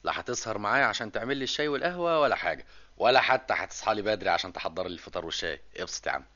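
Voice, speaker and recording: An actor playing a lively young male student in an old Egyptian radio drama, speaking with an Egyptian accent. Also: lowish voice, racing. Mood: teasing. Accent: Egyptian Arabic. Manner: lively, teasing, excited. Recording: dull old radio recording with music.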